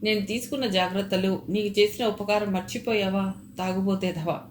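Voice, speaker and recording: A woman reading aloud, voicing a hot-tempered man who shouts accusations, recorded with a roomy echo. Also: medium pitch, steady tone, normal speed, slight background noise, natural voice. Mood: furious.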